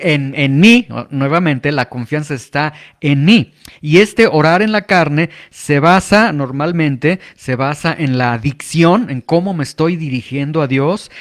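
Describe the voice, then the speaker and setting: A man preaching a teaching sermon, explaining calmly with frequent filler pauses. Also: a little high.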